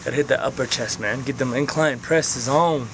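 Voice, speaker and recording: A man in his twenties, a vlogger, talks casually to his camera outdoors on open, flat ground, rambling frankly and swearing now and then. His voice is mid-range at a normal speed, picked up by the camera mic in close framing with background noise.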